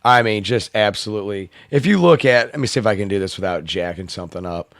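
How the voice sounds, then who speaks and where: A slightly hoarse man hosting a live open-mic stream, rambling, swearing and laughing in casual chat. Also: fairly low pitch, expressive, quick pace, a bit bright, no room sound, studio quality.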